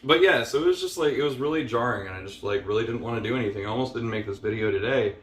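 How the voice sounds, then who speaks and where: A vlogger talks casually into his camera in a frustrated, tired rant, rambling quickly with plenty of fillers and casual swearing. His medium-pitched voice has a fairly bright tone, and the sound is roomy.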